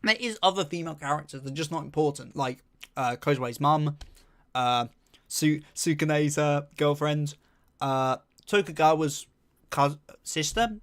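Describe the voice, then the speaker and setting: A man's voice: fairly high pitch, unhurried. A young man chatting casually on a live stream, reading chat and rambling with lots of fillers while humming to himself.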